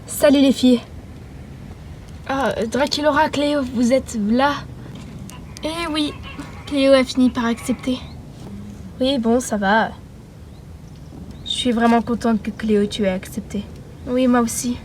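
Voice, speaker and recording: High-voiced woman voicing a doll drama. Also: fairly even intonation, measured pace, pauses often, darkish tone, slight background noise. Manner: casual, hesitant with fillers. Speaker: creator voicing a fan doll series. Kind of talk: homemade doll drama dialogue.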